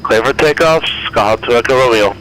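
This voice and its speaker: A male pilot is heard over the aircraft radio, reading back clearances in short, clipped bursts. He talks quickly, and radio noise sits under his voice. His pitch is in the middle range for a man. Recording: noisy radio transmission.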